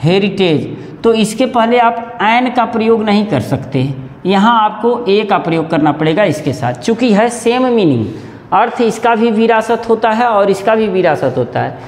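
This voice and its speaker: A man teaching English grammar to exam students, repeating each example word slowly and sometimes correcting himself. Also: high voice, expressive. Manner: drawn-out repetition of example words; corrects himself mid-explanation. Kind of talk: classroom grammar lesson. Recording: echoey room with long reverb.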